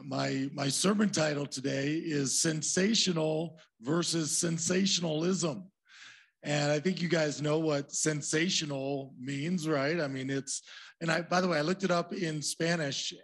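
Hoarse gravelly-voiced male pastor preaching. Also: on the high side. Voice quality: gravelly, husky. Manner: conversational, explaining with asides. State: hoarse, nearly lost voice. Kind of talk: sermon.

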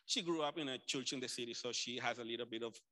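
Speaking fast in a mid-range voice, a pastor from Colombia's Caribbean coast preaches conversationally with a Colombian accent, weaving in animated storytelling, restarts, and asides.

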